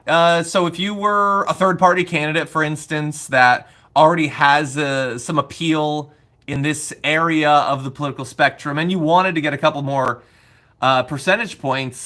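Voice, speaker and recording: A man gives casual, opinionated political commentary as a show host. His voice sits fairly high and swings widely in pitch, with a sharp, bright edge. He is sarcastic and exasperated, and swears easily.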